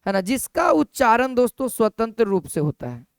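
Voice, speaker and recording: A man teaching an exam-prep class in a smooth, resonant voice, recorded close and dry with almost no room sound. He repeats key points over and over, asks his students questions and answers them himself. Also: extremely high pitch, sing-song, normal speed, no room sound.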